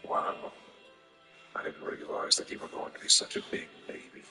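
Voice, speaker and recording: A man voicing a huge, vain, condescending dark god in a dramatized story, with a sarcastic, whiny internet-troll delivery. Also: normal speed, faint music behind.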